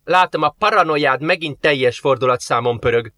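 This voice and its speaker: A man voicing a talkative, teasing young woman in an audiobook, with quick playful retorts. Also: on the high side, pushed and bright, dry recording, clean studio sound. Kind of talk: audiobook character voice.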